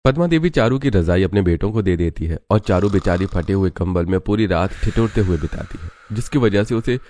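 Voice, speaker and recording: Guy narrating a cartoon story, low voice, steady and explaining. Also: a little fast, a little hiss or hum.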